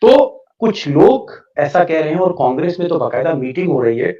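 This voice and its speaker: A man's voice: fairly high pitch, very animated, normal speed, dark tone. A man hosting a political discussion, asking pointed rhetorical questions. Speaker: host. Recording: roomy, dull lo-fi sound.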